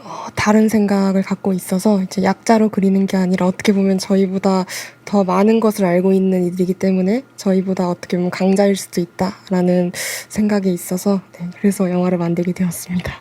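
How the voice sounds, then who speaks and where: A woman's voice: mid-range voice, flat delivery, fairly quick, few pauses, dark tone. A woman film director answering interview questions in an earnest, plain-spoken way.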